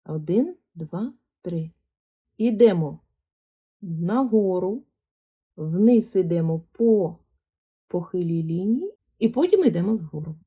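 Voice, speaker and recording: A woman's voice: lowish voice, expressive, breathy edge, narrow, tinny audio. A woman teaching a handwriting lesson to first graders, speaking patiently and drawing out words to show stress. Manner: slow, patient, sing-song coaching that stretches words to model stress. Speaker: primary school teacher.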